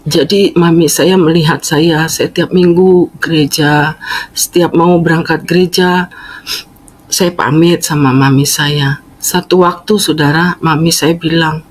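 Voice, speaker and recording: A middle-aged woman, once a singer, shares her faith testimony at church, telling her story slowly and earnestly with fond laughter. Her low voice is steady with a breathy edge, and the recording quality is low.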